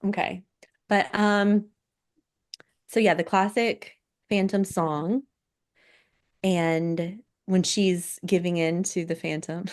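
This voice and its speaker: Woman, podcast host, soft-spoken, a bit scratchy from a cold, casual chat. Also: fairly low pitch, steady tone, takes it slowly, pauses often. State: recovering from illness, scratchy voice.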